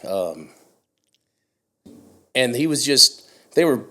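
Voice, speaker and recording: A man's voice: medium pitch, big pitch swings, takes it slowly, pushed and bright. A young man from Canada, a musician guest, telling stories in loose casual chat with many fillers. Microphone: podcast studio mic.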